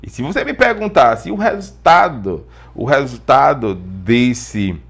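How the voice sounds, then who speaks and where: A man with a Brazilian accent and a mid-range voice teaches English informally, explaining through personal stories. He repeats phrases for emphasis and poses rhetorical questions.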